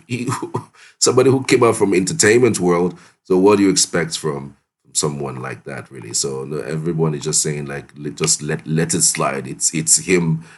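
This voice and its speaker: A man giving live news commentary, talking in a halting way with many restarts and fillers. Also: very deep voice, slightly rough.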